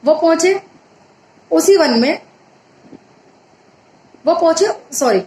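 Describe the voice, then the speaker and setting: A woman retelling a religious story in a conversational way, often pausing to correct herself. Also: very high voice, expressive, darkish tone. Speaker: storyteller, motivational speaker. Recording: echoey room with faint noise.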